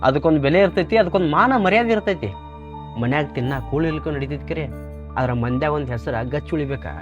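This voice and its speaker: A man's voice: fairly high pitch, quick pace, dull audio, close to an everyday voice. A man playing a betrayed farm laborer husband in a village short film, with a North Karnataka Kannada accent, pleading and reproachful. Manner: pleading and reproachful, rising to anguished shouts. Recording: film soundtrack with background music.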